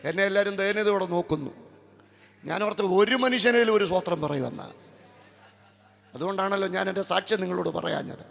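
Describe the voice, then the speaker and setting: Kerala pastor, high gravelly voice, quick chatty stories that turn to slow forceful preaching. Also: male voice. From Kerala, India. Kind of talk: evangelistic sermon. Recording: long hall reverb.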